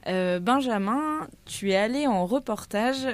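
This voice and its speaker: Relaxed woman hosting a radio show. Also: a little high, unhurried, a little hiss or hum.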